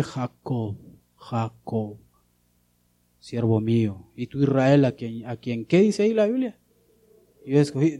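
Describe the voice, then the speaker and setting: Man, pastor, sermon, fairly high pitch, warm tone, loud-soft swings, rhetorical questions. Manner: calls listeners brother.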